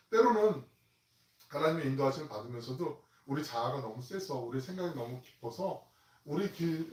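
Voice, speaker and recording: Pastor preaching in an echoey church. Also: male voice, medium pitch, far from the mic. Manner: conversational preaching, reads scripture slowly and loudly with the congregation. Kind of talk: sermon. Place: church sanctuary.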